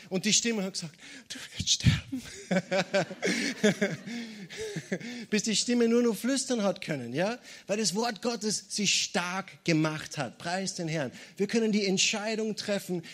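A man preaching a sermon, lively and jokey, often breaking into calls of praise. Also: sits high.

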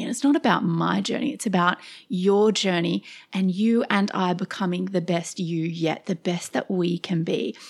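Effusive, emotional woman podcast host. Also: medium pitch. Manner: effusive and emotional, laughing and gushing. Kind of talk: scripted intro, then heartfelt solo podcast talk.

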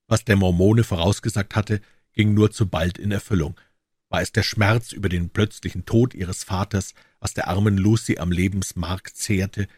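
Husky-voiced male audiobook narrator. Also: low-pitched, darkish tone, dry recording, studio quality. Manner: measured, dramatic storytelling. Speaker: audiobook reader.

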